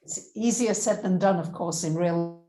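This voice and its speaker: A woman's voice: on the low side, normal speed, music in the background. A woman hosting a casual question and answer chat with short supportive responses. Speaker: host of a question and answer session. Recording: echoey room on internet call.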